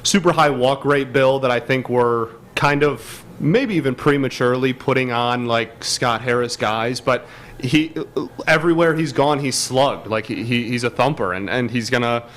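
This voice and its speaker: A man co-hosting a sports podcast, chatting casually and excitedly with many restarts and fillers. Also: mid-range voice, moderate pace, slight background noise. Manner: excitable, stumbling restarts, lots of "like".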